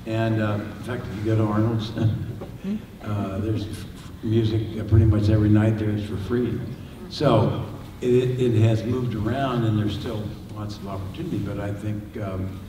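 An older man answering audience questions on a panel, halting with many fillers and restarts. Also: fairly low pitch, steady tone, mellow. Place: large library hall with audience. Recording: echoey hall, distant mic, noisy.

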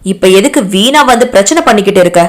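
A woman's voice: mid-range voice, lively intonation, fast, lightly acted. A woman voicing a young man who speaks harshly and scornfully. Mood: defiant.

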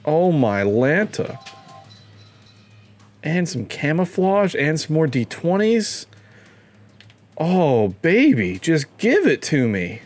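A young man narrating his video game run in a slightly higher voice that swoops up and down a lot. He talks at an unhurried pace, with playful, mock-dramatic outbursts. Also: big pitch swings, darkish tone, faint music behind. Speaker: let's play gamer. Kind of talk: casual gameplay commentary.

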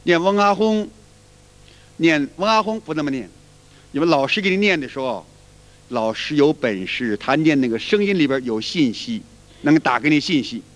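A qigong teacher gives a colloquial spoken lecture in a fairly high, animated voice at normal speed. He's folksy, repeats himself, and breaks into sung chants to demonstrate. A long reverb makes it sound like a hall recording.

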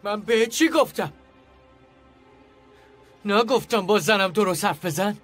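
A dubbing actor voicing a volatile man of the house who shouts and repeats himself in bursts, in a dubbed TV drama. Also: high-pitched, soft background music. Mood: furious. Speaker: husband of the new lady of the house.

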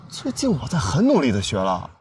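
Doting young boss, swooping pitch. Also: male voice, huge pitch swings, brisk, a little mellow, far from the mic, slight background noise. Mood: romantic, coaxing. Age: 20s. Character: doting young male company boss, playfully romantic husband. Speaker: actor in a romantic short drama. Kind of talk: romantic drama acting.

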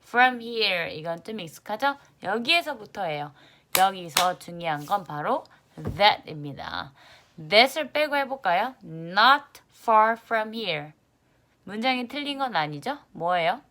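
Lively woman teaching English. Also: medium pitch, unhurried. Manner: lively, stresses English words loudly, acts out students' reactions. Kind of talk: online lesson.

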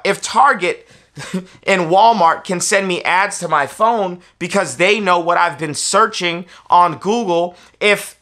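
Sitting on a sofa in a small, furnished indoor room, a man in his thirties from America preaches an instructional talk. His voice is high-pitched and sharp, and he argues forcefully and persuasively, repeating his key phrases.

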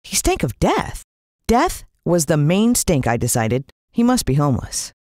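Speaking a little slowly in a low, slightly mellow voice, an American woman narrates a suspenseful story for an audiobook, her pitch swooping wildly as she stretches out words. The recording is dry and clean, as from a studio.

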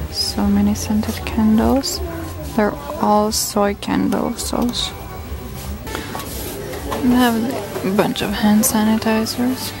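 A young woman vlogging casually while she shops and walks through a city, excitedly gushing over what she finds, recorded on a handheld camera. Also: fairly high pitch, vocal fry, poor audio. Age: young adult. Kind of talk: casual vlog narration. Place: shops and streets of a city, indoors and out. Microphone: handheld camera mic.

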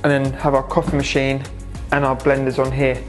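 Brisk and completely flat at medium pitch, a young English restaurant owner updates his vlog on the renovation, speaking to the camera in a large indoor space with music in the background. He sounds casual and matter-of-fact, repeatedly using "so" and "obviously."

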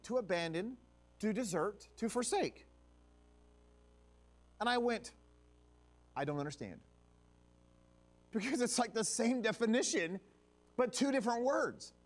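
A male revival preacher delivering a sermon in a church. His voice sits high and swings widely, sinking to near hushes before climbing back up with force. The delivery is animated and emphatic. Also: unhurried, long pauses. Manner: animated, drops to a hush and surges up for emphasis. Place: church sanctuary.

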